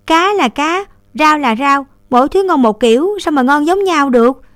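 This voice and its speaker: A woman's voice: high voice, lively intonation, moderate pace, no room sound, clean studio sound, voice pushed up. Woman playing a bossy, snapping sister. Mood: scornful. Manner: sharp, scolding and loud. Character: bossy short-tempered middle sister.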